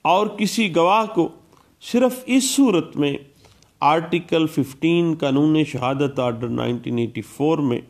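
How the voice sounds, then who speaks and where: In a fairly high voice and at a somewhat slow pace, a male lecturer walks through legal rules one step at a time. His explanatory Urdu is studded with English legal terms, and he repeats statute citations.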